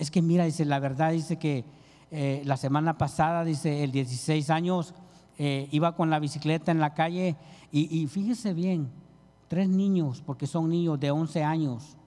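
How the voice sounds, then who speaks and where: Preacher guy, fervent and pleading, kinda high voice, long echo in the church. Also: warm tone. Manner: fervent, pleading, addresses listeners as brother. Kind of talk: sermon. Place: church hall. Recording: reverberant church hall.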